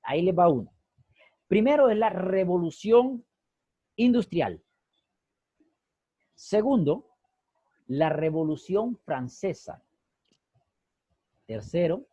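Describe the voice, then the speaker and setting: Male teacher, fairly high husky voice, repeats his points, dull video-call sound. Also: lively intonation, slow pace, pauses often, mellow, no echo. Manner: asks rhetorical questions and repeats key phrases. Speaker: sociology teacher. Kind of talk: online class lecture.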